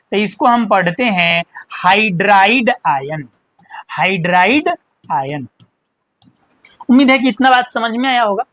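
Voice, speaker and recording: Woman teacher repeating terms slowly. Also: a little high, a bit bright, dry recording. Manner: repeats key terms slowly, asks and answers her own questions. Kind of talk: chalkboard chemistry lesson.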